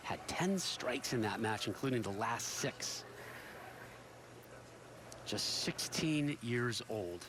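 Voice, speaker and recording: A man calling a televised bowling match as play-by-play commentator, reeling off stats briskly. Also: medium pitch, animated, background noise. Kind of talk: sports broadcast commentary.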